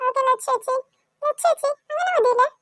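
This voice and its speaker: Very high, squeaky, bratty little cartoon sister, dry close sound. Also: female voice, quick pace, a bit bright, dry recording, faint music behind. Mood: whiny. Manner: whiny, teasing. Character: cheeky bratty little girl, younger sister. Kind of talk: cartoon voice acting.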